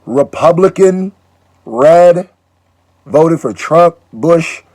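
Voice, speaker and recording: A man raised in Nigeria hosts a reaction video and talks in a loose, joking way, often cutting in on the clip he plays. His voice sits a touch high and swings widely in pitch. The sound is dry, with no room echo. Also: drawn-out words. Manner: animated, joking, interjecting. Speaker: YouTube reaction host. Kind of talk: casual reaction commentary.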